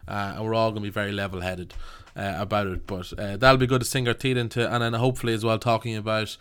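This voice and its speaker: Male, Irish accent, crisp bright voice, podcast host, casual, jokey. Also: fairly low pitch, flat delivery, fast. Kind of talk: casual chat.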